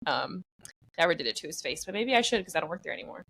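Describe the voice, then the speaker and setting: A woman's voice: fairly low pitch, sing-song, racing, fairly bright tone, slightly rough. A woman being interviewed about her podcast acting, talking in a rambling, self-deprecating way full of "like". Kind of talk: casual interview chat.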